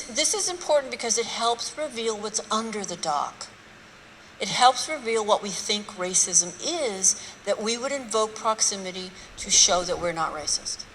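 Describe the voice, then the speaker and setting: A woman's voice: medium pitch, sharp tone, a little hiss or hum. A woman giving a public lecture to a live audience, blunt and rhetorical, with mocking asides. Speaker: speaker giving a talk on race. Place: large hall with an audience. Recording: hall reverb, faint room ambience.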